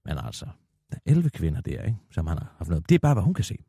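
A man playing a gossipy middle-aged woman in a radio comedy sketch, spilling a scandal in breathless bursts and sudden hushed asides. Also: sits low, huge pitch swings, vocal fry, slightly rough, no room sound, clean studio sound, heavily acted. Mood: gossiping. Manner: breathless gossiping, dropping to a hush.

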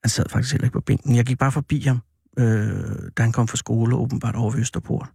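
A man hosting a show, telling a personal story in an animated, drawn-out way that turns hesitant, with many fillers. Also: medium pitch, gravelly, slightly rough, no echo, clean studio sound. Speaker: radio host.

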